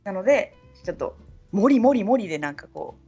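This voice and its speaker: Husky, quick-talking Kyushu woman. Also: medium pitch, big pitch swings, mellow, lo-fi sound, faint music behind. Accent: Kyushu dialect, Chikugo-tinged. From Saga, Kyushu. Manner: chatty, quick agreeing interjections. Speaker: podcast host. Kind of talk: casual chat.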